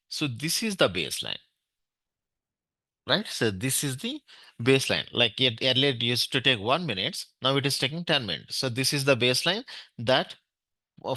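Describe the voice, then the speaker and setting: A database administration trainer with an Indian English accent leads an online technical class, explaining each step, using many fillers, and often pausing to check in with "right?". His mid-range voice is bright and fairly forceful. The sound is dry and close, with no echo or room around it.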